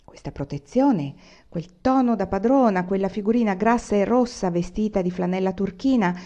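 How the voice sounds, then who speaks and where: A woman reading a literary novel aloud in a measured, expressive way. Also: medium pitch, lo-fi sound. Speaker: audiobook reader. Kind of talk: literary audiobook narration.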